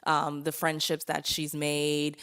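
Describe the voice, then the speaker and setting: A woman in her forties speaks with a low voice during a school board meeting. She is chatty and fills her remarks with "um" and asides. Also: monotone, takes it slowly, a bit bright, clear, resonant tone. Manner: chatty, many fillers and asides. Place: district board meeting room.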